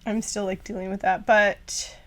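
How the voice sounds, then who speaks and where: A woman's voice: medium pitch, level tone, moderate pace, fairly bright tone. A young adult woman co-hosting a casual podcast, rambling and filling her talk with "like.". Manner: rambling, heavy use of "like" fillers. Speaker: podcast co-host.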